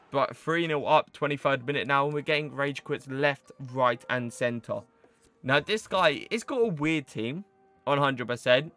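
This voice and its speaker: Bright-voiced young man doing casual gameplay commentary. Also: medium pitch. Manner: chatty, slangy, repeats stock phrases. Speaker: gaming video host.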